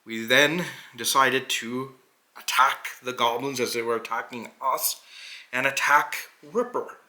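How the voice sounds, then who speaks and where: Man playing a noble hobgoblin adventurer, forceful bright tone, very slow halting delivery, earnest tabletop tale-telling. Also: mid-range voice, fairly even intonation. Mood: earnest recounting. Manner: deliberate, halting phrasing with dramatic pauses. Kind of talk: in-character narration of a tabletop adventure.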